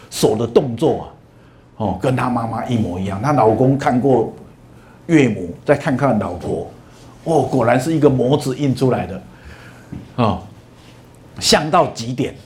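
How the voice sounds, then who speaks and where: A man's voice: medium pitch, darkish tone, a little hiss or hum. Storytelling male lecturer. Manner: storytelling, many drawn-out "ah" and "oh" fillers. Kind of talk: university lecture on emotions. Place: university lecture hall.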